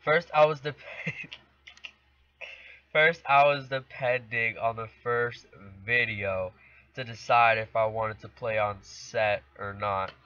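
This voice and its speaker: This male voice belongs to a teenage gaming channel host giving let's play commentary from his bedroom, teasing his opponents in fun. He speaks slowly at a medium pitch with fairly even intonation, sounding bright, forceful, clear, and resonant. The home recording is dry, dull, and lo-fi.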